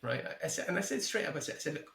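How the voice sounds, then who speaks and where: A man speaking as a podcast guest over a remote call, telling an anecdote in a lively, casual way and acting out both sides of the conversation. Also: on the high side, rapid-fire, vocal fry, reverberant. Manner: animated, repeats himself, acts out both sides of conversations. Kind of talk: casual storytelling. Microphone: headphones with mic, remote call.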